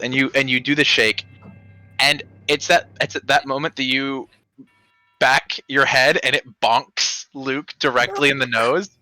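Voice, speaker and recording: Male game master, improvised tabletop narration, piercing bright tone, mid pitch, dramatic pauses. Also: poor audio.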